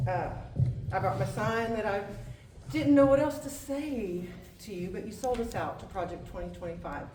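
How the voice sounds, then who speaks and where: A woman's voice: medium pitch, normal speed, mellow, a little hiss or hum. Woman, public commenter at a town hall, indignant and urgent, heard from a distance in an echoey room. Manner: indignant, urgent, addressing her congressman directly. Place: museum meeting room.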